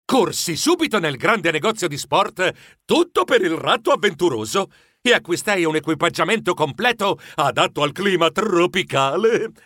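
A man narrating a children's audiobook in the first person as a fussy mouse editor, expressive and storytelling. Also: high voice, moderate pace, no room sound, clean studio sound.

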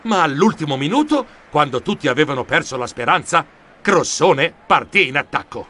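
Animated storybook narrator, a man. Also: a little high, moderate pace. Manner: expressive, animated. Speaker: audiobook narrator.

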